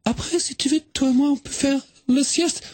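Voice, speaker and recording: A man's voice: extremely high pitch, fairly even intonation, normal speed, a little mellow, no echo, pitched above the performer's own voice. A man voicing a polite young Swedish woman with a Swedish accent who speaks broken French and hesitates and apologizes. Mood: shy, polite.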